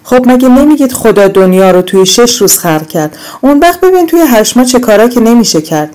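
A woman reading aloud plays a cheeky teenage boy who teases his family with mischievous jokes. The voice is a little raised and louder, with a dark, mellow tone. It is an audiobook read by one performer. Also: a little high, sing-song, voice pushed up. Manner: teasing, mischievous.

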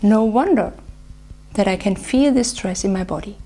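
A woman leading a guided tapping session, speaking slow, soothing phrases for the listener to repeat. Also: mid-range voice, warm tone. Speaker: EFT practitioner.

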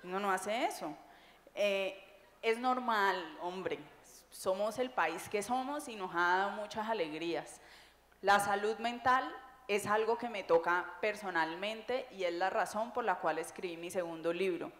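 A woman's voice: mid-range voice, measured pace. Joking woman in an echoey hall. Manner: lively, joking, conversational storyteller. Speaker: author on a panel. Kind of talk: public panel talk. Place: large echoey library hall. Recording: echoey hall with long reverb.

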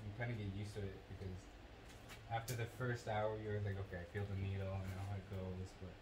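A man's voice: low-pitched, flat delivery, fast. A man working as a trainee waxing technician, chatting casually with a client. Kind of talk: casual chat. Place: indoor treatment room. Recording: noisy, somewhat far from mic.

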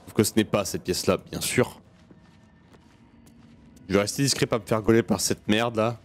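Video game music plays behind a gaming host's low-leaning voice as he keeps up loose let's play commentary, mumbling to himself and cursing freely. He speaks at a moderate pace, and there is slight background noise.

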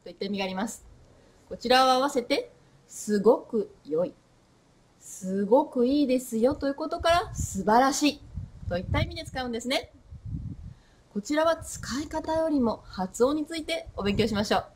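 A woman giving a short French pronunciation lesson, modelling sounds slowly and repeating them with lively emphasis. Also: high-pitched, husky. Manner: lively, drawn-out pronunciation demos. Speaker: French teacher.

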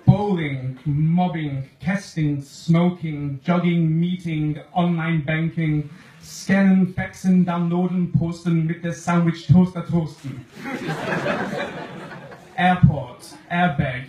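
On a small club stage in front of an audience, a young man from England reads his comic slam poem from a sheet in a second language, with an English accent. His mellow voice is a little high and fairly even, delivered slowly and deliberately into a stand mic. It was filmed from the crowd, and the audio is roomy with faint noise.

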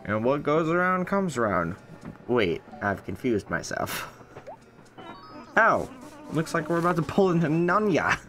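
A man's voice: fairly high pitch, big pitch swings, a little slow, long pauses, fairly bright tone. A man reading aloud for a friendly, nosy male cat traveler in a video game, over game music. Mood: rambling. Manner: nosy, chummy small talk. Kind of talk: voicing game dialogue aloud.

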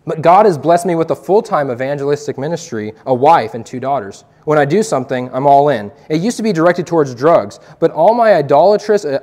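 A man's voice: fairly high pitch, a little mellow. A young man and evangelist giving an earnest, preacherly testimony to a youth group, quoting scripture as he speaks.

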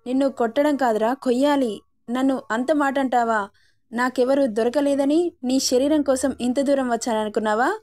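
A hot-tempered young wife in a storybook romance, indignant and scolding, as a woman narrator voices her. The voice is high-pitched with a mellow, soft tone. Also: steady tone, moderate pace, close to an everyday voice. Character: fiery young wife, hurt and quick-tempered.

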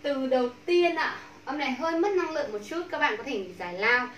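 A Vietnamese woman teaching English pronunciation to a class, drawing out model words slowly and repeating them. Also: high-pitched, expressive, a bit bright, far from the mic. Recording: echoey room, voice from off mic, faint background hum.

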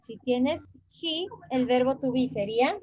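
High, slow-speaking woman teacher. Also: animated, darkish tone, husky, no echo, lo-fi sound. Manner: repeats each phrase in English and then in Spanish; patient, quizzes students by name. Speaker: English teacher.

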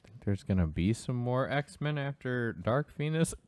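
A man's voice: mid-range voice, expressive, measured pace, darkish tone, no room sound. A man co-hosting a tech stream, laid-back in casual banter, reading out viewer comments.

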